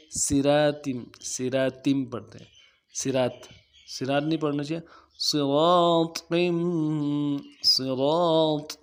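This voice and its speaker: A male Quran teacher from Pakistan with a Pakistani Urdu accent, chanting verses slowly and melodically, then quickly explaining pronunciation errors. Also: mid-range voice, darkish tone. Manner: alternates slow melodic recitation with quick spoken explanations. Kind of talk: tajweed lesson, chanted recitation with spoken corrections.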